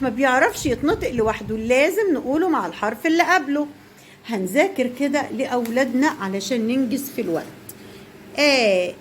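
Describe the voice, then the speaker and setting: Speaking with an Egyptian Arabic accent, a young female teacher encourages small pupils, quizzing and praising them while also addressing parents. Her voice sits high, and there's a slight hiss or hum.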